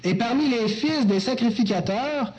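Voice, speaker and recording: A man's voice: very high-pitched, moderate pace, darkish tone, lo-fi sound. A man preaching an expository sermon, teacherly with joking asides to the congregation. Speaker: pastor.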